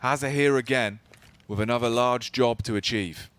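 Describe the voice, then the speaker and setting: A man's voice: medium pitch, normal speed, fairly bright tone, a little hiss or hum. A man working as an esports caster, giving live play-by-play commentary that builds dramatically at key plays.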